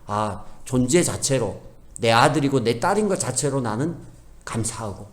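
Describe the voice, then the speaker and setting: A middle-aged male pastor preaching a sermon, swinging between loud emphasis and soft asides and acting out everyday family talk in quoted voices. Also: medium pitch, lively intonation, moderate pace.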